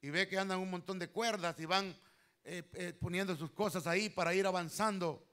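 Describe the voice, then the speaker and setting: Male pastor, fervent preacher, high bright voice. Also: steady tone, normal speed, clear, resonant tone. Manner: fervent preaching, swelling loud on key phrases, addresses listeners as brother. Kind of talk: sermon.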